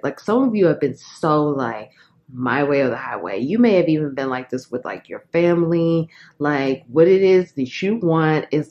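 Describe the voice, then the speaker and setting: A woman's voice: sits low, darkish tone, muffled recording. A woman giving a casual tarot reading, chatty and frank, laughing often and leaning on fillers. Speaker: tarot reader.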